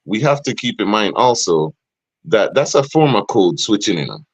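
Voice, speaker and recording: On his casual podcast, this middle-aged man speaks in a deep, booming, husky voice at a normal speed. He's emphatic and grows animated when challenging guests with pointed questions. The audio is close and dry.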